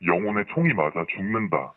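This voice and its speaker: A man with a digitally disguised deep voice, answering a radio interview anonymously in a polite, formal, explanatory way. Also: sing-song, a little fast. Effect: voice disguised, pitched down by modulation. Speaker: anonymous interviewee, former member of a religious group. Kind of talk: radio news interview testimony. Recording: muffled band-limited sound, roomy echo.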